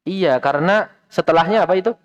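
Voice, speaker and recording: A man's voice: high-pitched, a little fast, dull audio. A man with an Indonesian accent, teaching an Arabic class in a mosque and patiently questioning his students.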